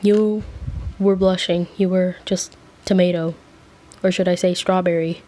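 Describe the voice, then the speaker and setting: A woman's voice: on the low side, fairly even intonation, a little slow, warm tone. A woman narrating a fan fiction story as whispered role-play, casual with chatty asides.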